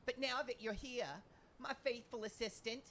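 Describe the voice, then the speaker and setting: A woman's voice: a little high, fairly even intonation, moderate pace, fairly bright tone, a little hiss or hum. A woman voicing a small, earnest young female would-be inspector in a theatrical fan dub of game dialogue, with game music behind. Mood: determined. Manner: theatrical, dramatic sighs and sobs. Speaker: fan voice actor.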